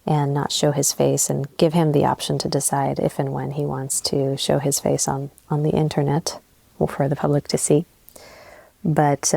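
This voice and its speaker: Sitting on her bed in the bedroom, a relationship coach in her thirties from Southern California hosts a solo podcast with no script, speaking into old wired earbuds. Her low voice carries vocal fry, she sounds soft, reflective and a bit short on sleep, and there's no room sound.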